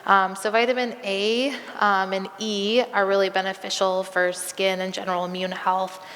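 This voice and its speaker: A woman's voice: mid-range voice, level tone, normal speed, a bit bright, in a large hall. A woman veterinarian answering audience questions at a live presentation, conversational with frequent ums, and losing her voice. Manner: conversational, many um fillers, practical.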